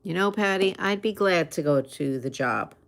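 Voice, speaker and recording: A woman chatting casually in an unhurried, conversational way, with pauses as she replies to listeners. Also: on the low side, expressive, vocal fry, a little hiss or hum. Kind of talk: casual chat.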